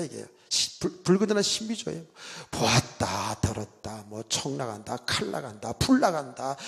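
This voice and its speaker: A middle-aged man preaching in a church, his voice high-pitched and swinging widely up and down. He tells stories in an animated way and mimics a shouting preacher, while a long reverb hangs in the sanctuary. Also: gravelly. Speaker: pastor. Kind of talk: sermon.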